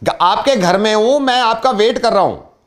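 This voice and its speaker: A man's voice: high-pitched, normal speed, crowd noise. Teasing male radio prank caller. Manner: teasing, deadpan, playfully provocative. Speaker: radio prank call host. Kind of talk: prank phone call.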